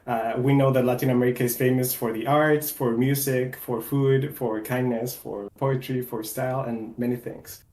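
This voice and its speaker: A man from Mexico, a game developer who talks enthusiastically and deliberately on a casual livestream. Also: medium pitch, fairly even intonation, a little mellow. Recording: roomy echo.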